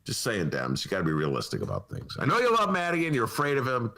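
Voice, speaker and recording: Man, podcast host, animated, jokey, lively rise and fall in pitch. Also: racing, creaky, slight background noise, low-quality recording. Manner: animated, jokey, chatty with food asides. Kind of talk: casual podcast chat.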